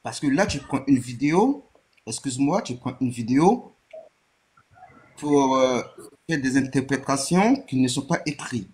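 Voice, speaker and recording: Homme hésitant, au haut-parleur lointain. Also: male voice, mid-range voice, animated, measured pace, a little mellow. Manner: hesitant, many restarts and stammers. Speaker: guest joining a live stream. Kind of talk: live online debate.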